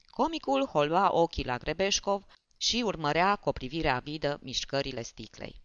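Expressive, lively audiobook narrator. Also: mid-range voice, clean tone, no echo. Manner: expressive storytelling. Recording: dull, dry.

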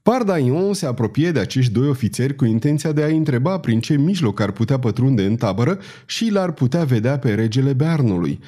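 A man narrating a historical novel as an audiobook in a measured, expressive way. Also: mid-range voice.

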